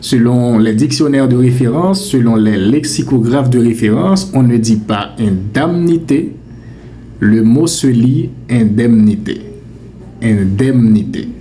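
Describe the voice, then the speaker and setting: A man with a Haitian accent, teaching French pronunciation on his channel, repeating words slowly and playfully scolding mistakes. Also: medium pitch, mellow, slight background noise. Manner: emphatic, repeats words slowly to correct them; playfully scolding, calls mispronunciations mean. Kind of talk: direct-to-camera language lesson.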